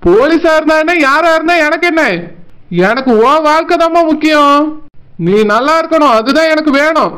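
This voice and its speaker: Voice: high voice, moderate pace, fairly bright tone. A voice actor playing a hot-headed, protective older brother who blusters defiantly, with a Tirunelveli Tamil accent.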